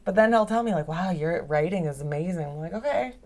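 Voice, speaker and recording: Talking casually over a video call as a podcast guest, a young adult woman laughs often and peppers her chat with "like." Her pitch is fairly low but swings widely, and her slightly mellow voice moves a little fast.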